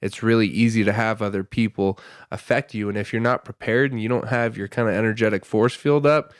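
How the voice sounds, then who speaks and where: A man co-hosting a podcast in casual chat, agreeable and relaxed, often trailing off softly at the ends of his thoughts. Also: on the low side, fairly quick, dry recording, studio quality. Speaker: podcast co-host. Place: podcast studio.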